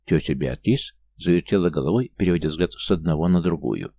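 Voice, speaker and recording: Deep gravelly male narrator. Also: expressive, brisk, mellow. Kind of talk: audiobook narration.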